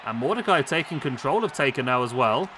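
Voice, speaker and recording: With a medium-pitched, hoarse voice that's giving out, a male gaming YouTuber provides brisk play-by-play of a simulated wrestling match, exclaiming in excited bursts. Crowd noise and clear background noise run under him.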